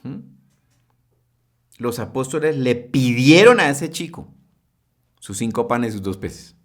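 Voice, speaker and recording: A man's voice: mid-range voice, lively intonation, takes it slowly. Man preaching with rhetorical questions. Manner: emphatic, many rhetorical questions; checks in with "¿sí?" and "¿mm?". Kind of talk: sermon.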